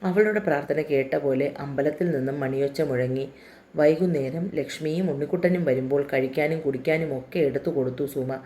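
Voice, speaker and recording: A woman narrating a dramatic novel in a steady, emotive reading. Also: deep voice, brisk, slight background noise. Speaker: storyteller. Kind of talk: scripted story narration.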